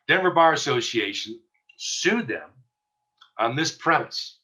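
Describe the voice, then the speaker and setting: A man's voice: medium pitch, bright, forceful tone. A man teaching a real estate class in a conversational way, with fillers and restarts. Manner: conversational, acts out little dialogues with fillers and restarts. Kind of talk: recorded class lecture.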